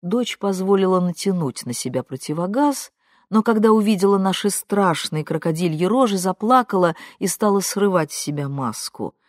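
Expressive woman narrating an audiobook. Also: fairly low pitch, normal speed, no echo, studio quality. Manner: expressive, ironic storytelling. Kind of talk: first-person literary narration.

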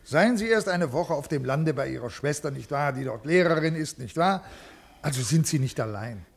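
A man's voice: on the high side, lively intonation, normal speed, creaky, breathy edge, full character voice. An actor playing a stiff, rule-bound male official who speaks formally, in classic radio drama style. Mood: officious. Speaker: government official.

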